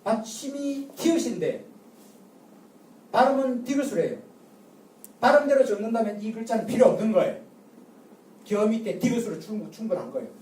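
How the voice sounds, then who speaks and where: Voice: medium pitch, animated, normal speed, long pauses, mellow, a little hiss or hum. An older lecturer giving a public talk, drilling the audience with call-and-response and repeated rhetorical questions. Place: lecture room. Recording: echoey lecture room from far off.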